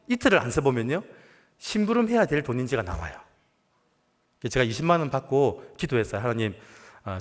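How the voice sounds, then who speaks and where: A male pastor preaching a sermon in a conversational storytelling way, often asking the congregation questions. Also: mid-range voice. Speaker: guest pastor. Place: church sanctuary. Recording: long church reverb.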